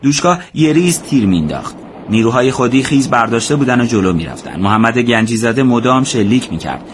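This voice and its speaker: A man narrating a war story as scripted audiobook narration, in a steady, measured way. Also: mid-range voice, slight background noise.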